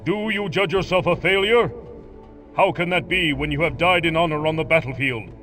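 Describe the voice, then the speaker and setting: An actor playing a proud, commanding Aztec holy warrior in a video game, making righteous, imperious declarations in archaic formal speech. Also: male voice, on the high side, normal speed, fairly bright tone, far from the mic, faint music behind, close to an everyday voice. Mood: solemn.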